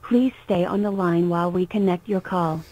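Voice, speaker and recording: A woman's prerecorded phone hold message, a scripted automated announcement delivered in an even, polite way. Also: lowish voice, moderate pace, heavy background noise. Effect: recorded phone hold message. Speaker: phone line greeting voice.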